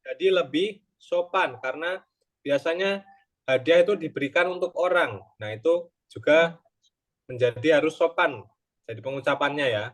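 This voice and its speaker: A young Japanese tutor teaches an online Japanese class in Indonesian, patiently explaining grammar one step at a time and checking in with short tag questions. His voice is slightly high, and he speaks at a moderate pace with long pauses.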